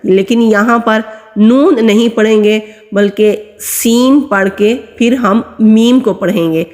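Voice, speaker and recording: A woman with a highish, darkish voice gives a step-by-step Quran recitation lesson, patiently explaining each letter's pronunciation. She stretches out the sounds as she recites, with long hall reverb around her.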